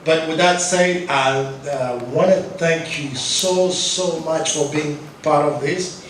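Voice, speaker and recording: Chatty male moderator, slightly high voice, distant and roomy with background noise. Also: slow, fairly bright tone. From Kenya. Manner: loose and chatty, laughs lightly. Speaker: session moderator. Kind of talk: casual wrap-up remarks. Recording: echoey hall, distant mic, noise.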